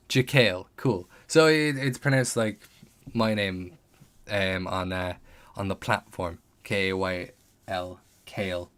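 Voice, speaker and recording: A man with a deep, clean, fairly bright voice speaks slowly and casually on a live stream as he builds a tabletop game character. He thinks out loud about names and details and chats back to viewers' comments.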